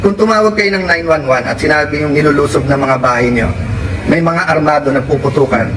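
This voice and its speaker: A Filipino man giving a measured formal statement, earnest, switching between English and Tagalog. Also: on the high side. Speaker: politician speaking in a hearing. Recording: roomy far-off clip with noise.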